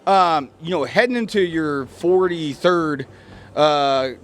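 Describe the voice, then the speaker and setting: A man's voice: fairly high pitch, takes it slowly, fairly bright tone. A man doing a casual sports interview in an informal, chummy way. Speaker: interviewer, former fighter.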